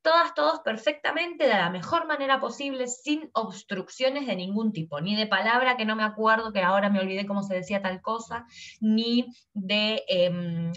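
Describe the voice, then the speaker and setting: A woman teaches a lesson, walking through her slides. She talks in a middle pitch and acts out her examples by shifting her tone. The recording sounds dull and lo-fi. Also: moderate pace. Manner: expressive, acts out examples with changing tone.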